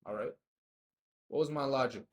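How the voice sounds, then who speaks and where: A man going back over his own trades, frustrated and scolding himself, swinging between loud outbursts and low muttering. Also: normal speed. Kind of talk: self-critical screen-share trade recap.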